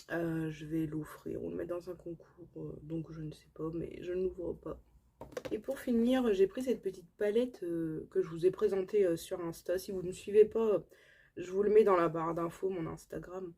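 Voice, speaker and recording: Chatty French woman with a mellow, husky voice. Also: lowish voice. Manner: chatty, filler-heavy, enthusiastic about products. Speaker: beauty vlogger. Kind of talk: casual haul chat to camera.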